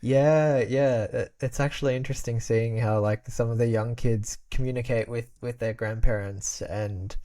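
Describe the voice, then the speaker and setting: A young Australian man with a mellow, medium-pitched voice speaks at a normal pace in a steady tone, barely pausing. He's a casual podcast guest who grew up speaking Albanian at home, and he rambles easily, packing in "like" fillers and restarts while laughing often.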